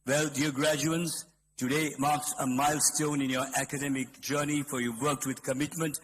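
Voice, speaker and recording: In a big reverberant hall with some background noise, a Sri Lankan man speaks as master of ceremonies. His accent is Sri Lankan and his delivery is formal, courteous and measured, at a medium pitch. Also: level tone, a bit bright.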